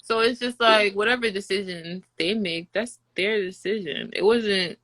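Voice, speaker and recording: A woman's voice: mid-range voice, normal speed, fairly bright tone, dry recording, low-quality recording. A young woman from Haiti in casual chat, speaking bluntly with some swearing and frequent laughter.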